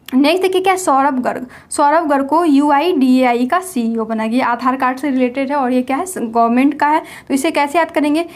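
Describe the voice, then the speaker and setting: Young woman, high pitched, walks thru gk memory tricks, keeps asking and answering herself. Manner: repetitive, asks and answers her own questions. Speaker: quiz teacher. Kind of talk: explaining memory tricks for a general knowledge lesson.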